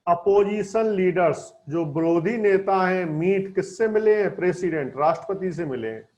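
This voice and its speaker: A man's voice: high-pitched, animated, moderate pace, darkish tone. A man teaching English vocabulary from a newspaper, explaining each word and quizzing his students with questions. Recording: dull lo-fi sound.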